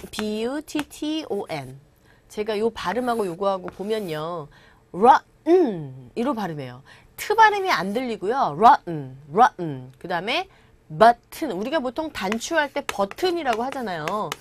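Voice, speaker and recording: A woman English teacher giving a classroom-style lecture. She explains patiently and reads each English example slowly and deliberately. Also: medium pitch, very animated, no room sound. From Korea.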